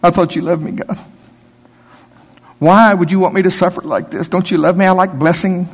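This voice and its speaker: A whining, pleading inner voice of a grown man, pitched up above the speaker's normal voice as a preacher acts it out. It complains and begs in a self-pitying way, with a husky edge. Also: fairly even intonation, normal speed.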